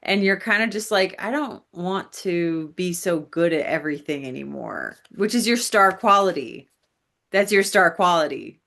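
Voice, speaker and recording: Woman, lower voice, chatty tarot reader who talks straight to the viewer. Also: animated, normal speed, creaky, fairly bright tone. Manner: chatty, addresses the listener directly, many fillers. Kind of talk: casual tarot reading.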